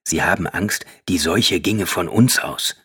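A man voicing a hardened teenage courier in an audiobook, speaking in clipped, hushed urgency. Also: deep voice, a little slow, slightly rough, full character voice. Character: tense teenage male courier, hardened and hurried. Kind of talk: audiobook character voice.

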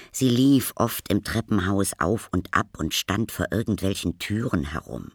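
A man reading a children's story aloud, slow and lively, whispering for suspense. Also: sits low, gravelly, husky, no room sound, clean studio sound. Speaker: narrator.

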